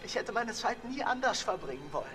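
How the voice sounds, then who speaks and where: Animated, earnest young man. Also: high-pitched, fast talker, music in the background. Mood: earnest confession. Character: worried, protective young man in horror game. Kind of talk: dramatic video game acting. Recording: loud background noise.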